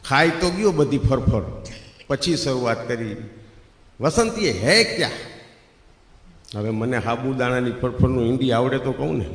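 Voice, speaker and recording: A middle-aged man with a Gujarati accent, telling comic stories on stage and jumping into loud, lively acted quotes. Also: medium pitch, moderate pace, reverberant, long reverb tail. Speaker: stand-up comedian. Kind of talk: Gujarati folk comedy storytelling.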